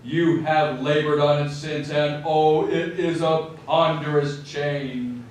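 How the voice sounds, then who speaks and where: An actor playing the mournful, doomed ghost of a dead business partner in a live radio drama, with slow, theatrical, wailing delivery. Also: male voice, a little high, steady tone. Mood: grave, accusing. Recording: very echoey hall, far from mic.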